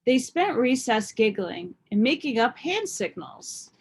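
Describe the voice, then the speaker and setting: A woman reading a children's storybook aloud in expressive narration. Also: on the high side, unhurried, breathy edge. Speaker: storybook reader.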